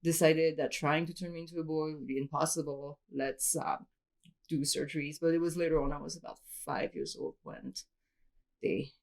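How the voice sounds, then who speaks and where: A woman originally from Switzerland talks openly in an interview. Her voice sits a bit low for a woman. She explains things step by step in a candid, matter-of-fact way. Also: steady tone, normal speed, a little mellow. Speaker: interview guest.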